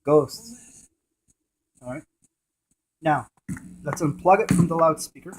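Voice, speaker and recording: A man whose voice is on the high side takes it slowly during a casual gadget demonstration, hands-on, emphatic and repetitive. The room is noisy with device static, and radio scanning static plays in the background.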